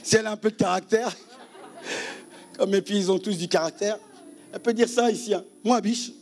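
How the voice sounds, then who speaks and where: A male pastor giving a humorous sermon at a church seminar, teasing the congregation and acting out little scenes with shouts and laughter. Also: high voice, brisk.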